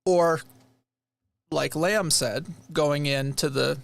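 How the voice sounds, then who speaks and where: This Rochester, New York man hosts a livestream, chatting about a replay as he watches it. Speaking slowly in a gravelly, somewhat high voice, he is earnest and animated, and he tends to ramble.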